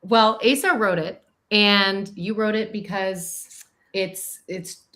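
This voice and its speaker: A woman's voice: mid-range voice, fairly even intonation, slow pace, bright, forceful tone. An American woman filmmaker explaining her project in an interview, earnest and articulate, backing up her collaborator. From United States. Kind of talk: casual interview answers.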